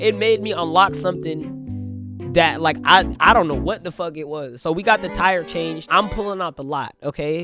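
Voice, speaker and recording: A young man telling a comedic, profane storytime vlog in an animated, slangy way. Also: sits high. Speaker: storytime vlogger. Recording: music playing loudly under the voice. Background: background music.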